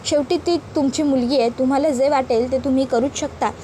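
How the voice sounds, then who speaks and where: A woman voicing a smooth-talking young man defending himself to his fiancée's family. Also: sits high, steady tone, brisk, mellow, slight background noise, lightly acted. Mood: defensive. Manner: defensive, wheedling.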